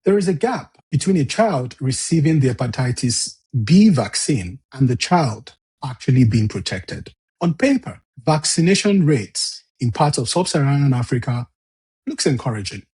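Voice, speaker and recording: A man hosting an interview podcast, reading a measured introduction and then asking questions. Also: medium pitch, a little mellow, breathy edge. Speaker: podcast host. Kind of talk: interview with scripted intro narration.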